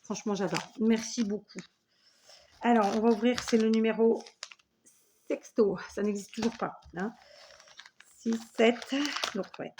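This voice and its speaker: A woman's voice: fairly high pitch, fairly even intonation, measured pace, long pauses, background noise. Chatty, enthusiastic French craft vlogger woman. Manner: chatty, enthusiastic, effusive thanks. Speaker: scrapbooking video host. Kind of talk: casual unboxing chat.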